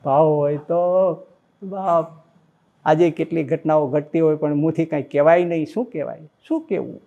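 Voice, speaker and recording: A man's voice: a little high, moderate pace, gravelly, highs cut off. Man preaching with a raised voice. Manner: animated storytelling with emotional exclamations. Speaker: swami preaching. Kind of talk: devotional sermon with storytelling.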